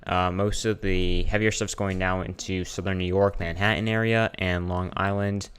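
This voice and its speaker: Guy doing a casual weather livestream, lowish clear voice, kinda hesitant, thinks out loud. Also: flat delivery, moderate pace. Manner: informal, hesitant, thinking aloud while checking screen. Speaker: live streamer. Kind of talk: casual live weather commentary.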